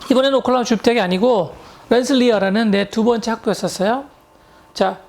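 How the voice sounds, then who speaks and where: Woman English tutor from Korea, fairly high voice, chatty storytelling lecture style with English words mixed in. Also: a little mellow.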